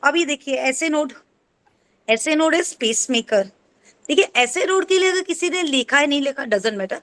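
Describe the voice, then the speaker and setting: High-voiced woman teaching acupressure. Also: animated, measured pace, fairly bright tone. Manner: explains step by step, checks with "ठीक है?". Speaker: co-presenter of an acupressure class. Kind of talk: explanatory teaching, mixing in English.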